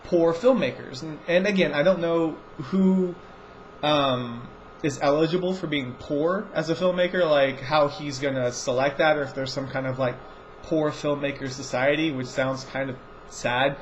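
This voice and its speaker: A man's voice: a little high, moderate pace, dull audio, a little hiss or hum. A man hosting a movie review show, talking in a casual rambling monologue and often stumbling and restarting his sentences.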